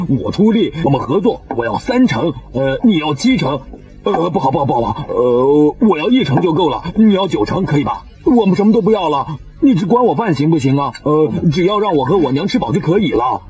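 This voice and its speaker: A man's voice: on the high side, big pitch swings, a little fast, a little mellow. An actor playing a brash, boastful young male bandit in a period TV drama, blunt and swaggering. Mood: bargaining. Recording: TV drama audio, a little distant.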